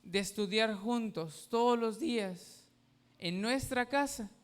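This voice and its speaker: A man's voice: sits high, takes it slowly, smooth. A man, a pastor preaching a sermon, emphatic and asking the congregation questions. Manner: emphatic, asks the congregation questions and has them repeat.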